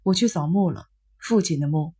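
A woman voicing a troubled, remorseful young man on the phone in a storybook reading, speaking flatly and quietly. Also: lowish voice, normal speed, slightly rough. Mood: subdued. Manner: flat, subdued speech.

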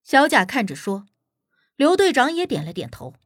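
A woman narrating an audiobook in a steady, expressive storytelling manner, recorded on a close studio mic. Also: high-pitched, normal speed, dry recording.

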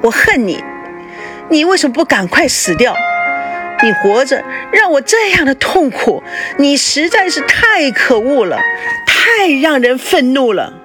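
A woman's voice: high-pitched, sing-song, a little slow, over music, pitched above the performer's own voice. A woman voicing a heartbroken young woman who rages bitterly. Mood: anguished. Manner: anguished, bitter.

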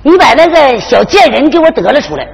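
A man playing a bossy, scheming old mother-in-law with a Northeastern Chinese accent in a folk stage comedy, shrill and nagging. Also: lively intonation, fast talker, creaky, heavily acted. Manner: shrill, nagging, theatrical wailing. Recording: reverberant stage hall with music.

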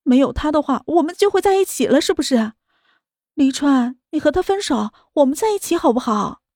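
Woman narrator giving a shrill, begging young woman in a storybook drama, dry close-mic sound. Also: animated, brisk, warm tone, no echo. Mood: frantic. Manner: pleading, tearful and shrill. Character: desperate, clinging young woman begging for love. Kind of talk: audiobook drama acting.

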